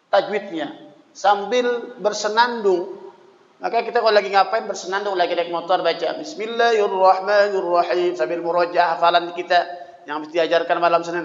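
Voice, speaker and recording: Brief: male religious teacher, high-pitched voice, conversational, often checks in with "ya", drifts into chanted verses, recorded in a big reverberant hall. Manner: reads Arabic lines then explains them, chants verses in between; conversational, with frequent "ya" checks to the audience. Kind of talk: study-circle teaching. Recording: echoey hall with long reverb, dull lo-fi sound.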